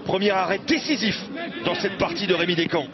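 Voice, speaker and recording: A man giving excited live football commentary, exclaiming and stretching out key words as play unfolds. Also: high-pitched, brisk, over music. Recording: dull lo-fi broadcast over loud crowd. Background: loud stadium crowd.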